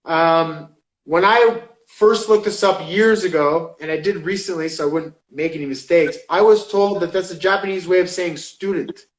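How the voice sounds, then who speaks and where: Speaking at a moderate pace in a high voice, a thirtysomething pro fighter rambles through a casual interview, leaning on likes and uhs. The recording sounds roomy and the audio is poor.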